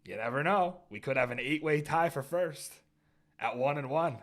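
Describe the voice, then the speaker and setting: A man's voice: fairly high pitch, moderate pace, a bit bright. A young man co-hosting a casual sports podcast, opening the show and joking with his partner in upbeat banter. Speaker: podcast co-host.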